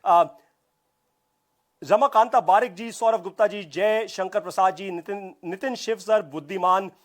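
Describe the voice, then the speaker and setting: Male business coach, high register, punchy and repetitive, pumped-up live-class delivery. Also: measured pace. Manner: high-energy, emphatic, repeats phrases for punch. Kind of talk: live online business class with audience shout-outs.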